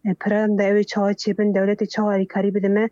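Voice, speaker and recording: A woman's voice: mid-range voice, completely flat delivery, mellow, no echo, dull audio. A woman festival organizer answering interview questions, hesitant and full of fillers.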